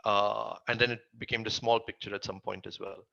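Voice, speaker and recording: A man with a Tamil accent talks casually as an interview guest. His voice sits on the low side with a heavy creak and a forceful edge. The recording is dry and a little dull. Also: flat delivery, a little fast, no room sound. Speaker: interview guest, comic writer. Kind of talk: casual interview answers, recounting career.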